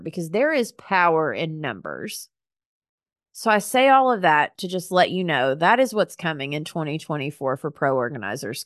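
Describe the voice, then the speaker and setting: A woman's voice: on the low side, no room sound, clean studio sound. A woman hosting her own podcast as a business coach, talking in a chatty, earnest, faith-filled way with lots of "like" fillers. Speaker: podcast host and business coach for professional organizers. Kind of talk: casual heartfelt solo podcast monologue.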